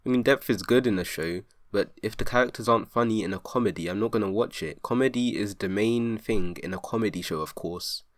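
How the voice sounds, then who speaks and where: A man's voice: on the low side, brisk, hardly any pauses, no room sound. A man giving an argumentative commentary, rebutting a review point by point with exasperation.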